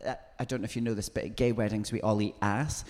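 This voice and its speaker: A man's voice: fairly low pitch, fairly even intonation, quick pace, background noise. A Scottish man hosting a comic chat with cheeky, teasing questions. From near Edinburgh, Scotland. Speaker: host. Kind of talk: comic live chat show interviewing. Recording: echoey hall reverb.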